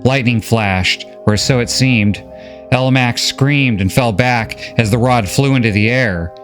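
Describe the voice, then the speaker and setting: A man reading a novel recap as scripted story narration, steady and measured. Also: medium pitch, faint music behind.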